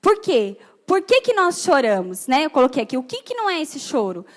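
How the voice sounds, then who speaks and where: A woman's voice: high-pitched, sing-song, brisk. A Brazilian woman pastor preaching a sermon, often asking the congregation questions. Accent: Brazilian Portuguese.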